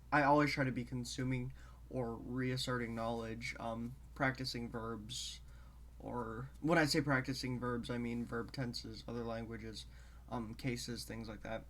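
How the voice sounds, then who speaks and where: A man hosting his own show in casual solo talk, rambling and halting as he drifts between topics, a bit congested. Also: medium pitch, a bit bright. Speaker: show host.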